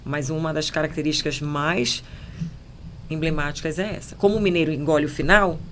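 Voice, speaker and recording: A woman journalist with a Paraense Brazilian accent, speaking as a podcast guest in a measured, emphatic, explanatory way. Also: sits low, fairly even intonation, slight background noise. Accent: Paraense Brazilian Portuguese. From Belém, Pará, Brazil. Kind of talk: podcast conversation.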